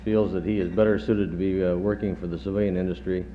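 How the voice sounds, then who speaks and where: A middle-aged man, a chief of staff, giving a halting tribute speech with dry humor, heard on old worn reel-to-reel tape. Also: low voice, level tone. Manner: halting, many pauses and fillers, dry humor. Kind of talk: after-dinner tribute speech. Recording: dull worn 1970s tape with faint hum.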